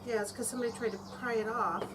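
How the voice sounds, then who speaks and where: A woman's voice: fairly high pitch, steady tone, rapid-fire. A woman chatting casually and practically, picked up from some distance. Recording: far from mic, noisy with birds.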